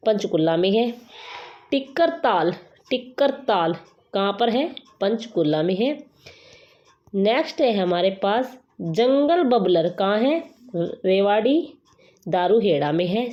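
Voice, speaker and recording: A woman's voice: medium pitch, dark tone. A woman teacher, running an exam-prep lesson and acting out playful memory-trick lines. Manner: playful, acts out mnemonic dialogue lines. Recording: dull lo-fi recording.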